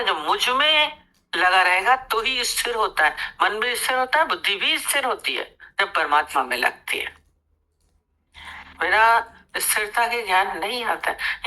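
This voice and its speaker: A woman spiritual teacher giving a sermon in a conversational, animated manner as she tells a fable. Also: mid-range voice, poor audio. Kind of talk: sermon with storytelling.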